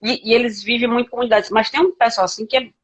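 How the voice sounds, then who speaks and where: A woman from Brazil, a podcast guest telling her life story frankly in a halting way, with many restarts. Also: a little high, steady tone, husky. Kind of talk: candid conversational interview.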